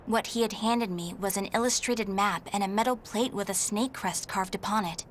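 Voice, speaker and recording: Playing the stubborn, feisty young warrior who stars in and narrates a video game story, a woman speaks with defiant spirit in a reflective narrating mood. Her medium-pitched voice keeps a moderate pace and is lightly acted, with a little hiss or hum in the recording.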